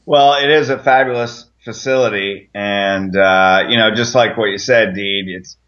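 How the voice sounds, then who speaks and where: A man speaks casually in a slightly low voice. His pace is very unhurried, and the recording is dull and lo-fi. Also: fairly even intonation, fairly bright tone. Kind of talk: casual conversational talk. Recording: dull, lo-fi line.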